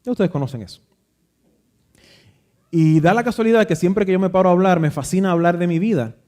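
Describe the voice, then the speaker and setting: A man preaches a sermon in an unhurried storytelling manner, pausing and restarting as he recalls scenes. His voice sits a little high for a man, but its tone is dark and mellow. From Dominican Republic. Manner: reflective, nostalgic storytelling with frequent restarts. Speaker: pastor.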